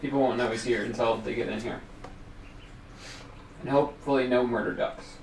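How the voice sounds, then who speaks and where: Jokey male co-host, mid pitch, distant mic. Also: fairly even intonation, normal speed, gravelly, a little mellow. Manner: joking, chatty. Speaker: livestream co-host. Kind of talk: casual livestream chat. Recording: distant mic in echoey, noisy room.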